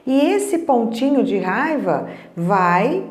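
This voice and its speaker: With soft music in the background and a reverberant sound, a middle-aged Brazilian emotional wellness speaker talks slowly in a fairly high voice full of big pitch swings. Her casual teaching monologue on emotions, in Brazilian Portuguese, is chatty, with frequent "né?" tags and retold dialogue.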